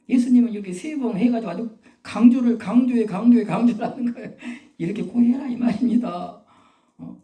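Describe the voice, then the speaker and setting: Pastor preaching, gravelly, chuckles a lot then yells, roomy church sound from far off. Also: mid-range voice. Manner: folksy, repeats himself, chuckles often, bursts into shouts. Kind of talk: sermon. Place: church sanctuary. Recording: echoey hall, mic at a distance.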